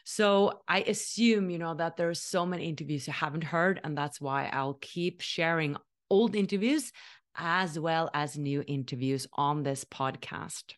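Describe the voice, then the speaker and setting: Opening her podcast with a casual monologue, a Norwegian host and interviewer talks in a low, unhurried voice. Her manner is enthusiastic and chatty, full of laughs and frequent "like"s.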